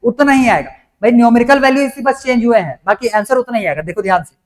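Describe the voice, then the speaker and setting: High-voiced man teaching. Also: fast talker. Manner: explains step by step, keeps asking if it is clear. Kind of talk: classroom lecture.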